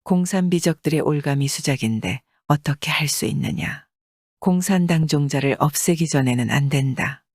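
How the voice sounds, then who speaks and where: A man's voice: fairly high pitch, moderate pace, no room sound. A harsh, curt army commander barks his refusals, voiced by a man narrating an old story. The voice stays close and dry, with no room around it. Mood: barking. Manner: curt and scolding. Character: gruff brutal male army commander, barking.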